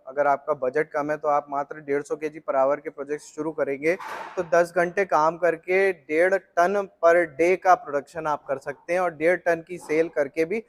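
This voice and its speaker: A middle-aged man with a fairly high voice walks through flour mill machinery for the viewer. He explains each part in a steady, technical way. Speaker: flour mill equipment seller. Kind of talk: explanatory product walkthrough.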